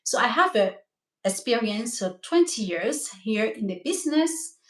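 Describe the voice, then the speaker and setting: On a live stream, a hair coach and cosmetologist from Cameroon, middle-aged and native in French with a Cameroonian French accent, explains hair care with eager enthusiasm. Her voice sits on the high side with big pitch swings and a slightly slow pace, the sound roomy, and she often checks in with viewers.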